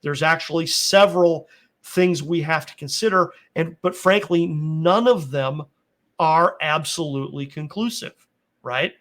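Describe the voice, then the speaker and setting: A man's voice: fairly high pitch, measured pace, a bit bright. A man teaching a Bible passage in a conversational way, checking in with his listeners and carefully qualifying his points. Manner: explains step by step, often checking in with "right?" and "okay?"; cautious, qualifies his claims. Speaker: Bible teacher and podcast host.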